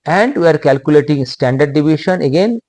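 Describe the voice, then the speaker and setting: A man with an Indian English accent giving a technical lecture, speaking in short halting phrases and repeating himself. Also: fairly high pitch, lively intonation, a little mellow, no echo.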